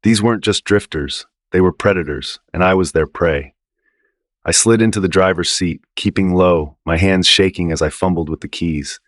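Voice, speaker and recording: A man reading a first-person horror story in a low, tense storytelling manner. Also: normal speed, no room sound, studio quality. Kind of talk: scripted first-person narration.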